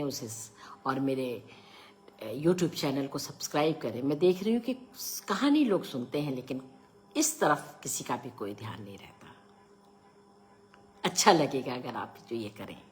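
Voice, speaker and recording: A middle-aged woman reading a short story aloud, expressive and raising her voice for the quoted lines. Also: deep voice.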